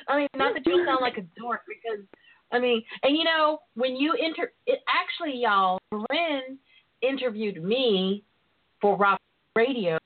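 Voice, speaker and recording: A female radio host with a Southern US accent and a highish, very animated voice. She chats casually and playfully, sassy and bawdy. The sound is narrow and muffled, like an internet phone-in show. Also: unhurried. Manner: playful, sassy, calls listeners pet names. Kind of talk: casual, bawdy girls'-night chat.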